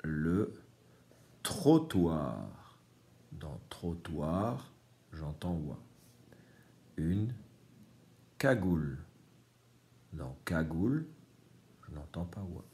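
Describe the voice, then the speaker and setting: A man's voice: extremely low pitch, sing-song, drawn-out words, long pauses, warm tone. A man teaching a reading lesson to young children, patiently explaining each word. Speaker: primary school teacher.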